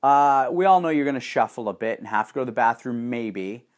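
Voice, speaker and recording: A man's voice: mid-range voice, a little fast. Profane ranting man. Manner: profane, animated, sarcastic. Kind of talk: ranting monologue.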